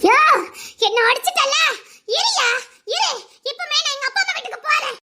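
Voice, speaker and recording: Woman acting out a young wife, very high, piercing, scolding, taunting. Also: expressive, normal speed, exaggerated voice. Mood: defiant. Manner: shouting, taunting, mocking laughs. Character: shrill scolding young wife, loud and sharp-tongued.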